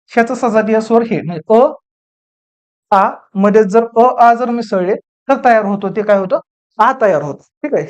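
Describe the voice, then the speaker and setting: Woman grammar teacher with a slightly high voice, drilling terms through self-answered questions. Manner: asks the class questions and answers them herself, repeating key terms. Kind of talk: exam-prep grammar lecture.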